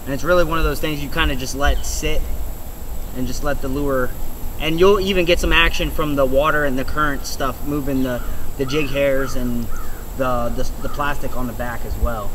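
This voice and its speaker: A man in his thirties explaining his fishing technique while seated in a kayak on a small river, in a relaxed way with many fillers like "kinda" and "um.". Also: medium pitch, normal speed. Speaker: arborist and kayak angler. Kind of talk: casual fishing how-to. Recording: outdoor background noise.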